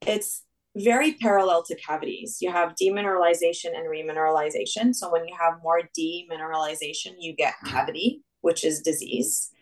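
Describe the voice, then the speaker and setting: Lively rambling woman, a bit off-mic. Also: on the low side, brisk, recorded from a distance, poor audio. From Saudi Arabia. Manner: animated, rambling with many restarts. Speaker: dentist guest. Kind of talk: casual interview talk.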